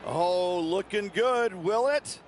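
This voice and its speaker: A man's voice: high voice, slow, slight background noise. A man performing as an enthusiastic, knowing golf commentator and analyst in a video game, speaking conversationally. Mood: enthusiastic, advising.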